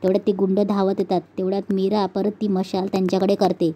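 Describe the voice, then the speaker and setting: Brief: woman recapper narrating a serial episode, even and mellow, little pitch movement. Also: quick pace. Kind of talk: retelling a TV episode, reading out dialogue.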